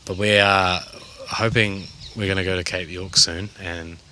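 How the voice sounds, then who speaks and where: A man's voice: sits low, level tone, a little slow, bright, forceful tone, slight background noise. A young man co-hosting a podcast, talking in a laid-back, casual way and swearing often. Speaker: podcast co-host. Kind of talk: casual chat.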